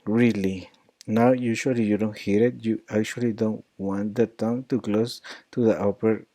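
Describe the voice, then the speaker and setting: A man teaching pronunciation, repeating words and phrases slowly to model the sounds. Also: on the low side, steady tone, warm tone. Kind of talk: accent coaching lesson.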